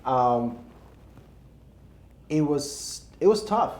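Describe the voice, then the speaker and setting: His voice is a little high, expressive and darkish, and he speaks very slowly. The man, an Albanian real estate investor in his thirties whose first language is Albanian, casually relates his story as an interview guest, with a roomy echo and faint background noise in the recording.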